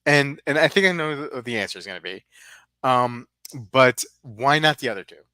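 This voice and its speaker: A man's voice: medium pitch, lively intonation, fairly quick, bright, forceful tone, clean tone, no echo. A man in his fifties co-hosting a casual livestream chat, talking loosely with plenty of fillers and tag questions. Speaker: livestream co-host.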